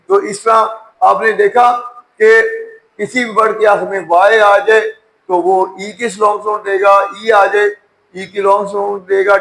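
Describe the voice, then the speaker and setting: A man's voice: high voice, a bit bright, rough recording. A male English teacher giving a lecture, patiently spelling each word letter by letter before saying it.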